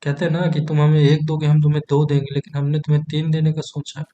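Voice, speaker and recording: A man's voice: a little high, monotone, fast talker, warm tone, highs cut off. Joking young man narrating gameplay. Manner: joking storyteller, crude banter with teammates. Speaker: gaming YouTuber. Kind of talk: comedic gameplay commentary.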